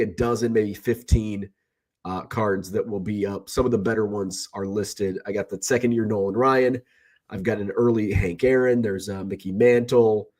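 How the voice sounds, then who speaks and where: In a casual vlog, a middle-aged man who sells baseball cards and streams live speaks at a fairly low pitch with a slightly mellow tone. A cold gives his voice a slight roughness, and his talk is rambling and chatty with frequent self-corrections.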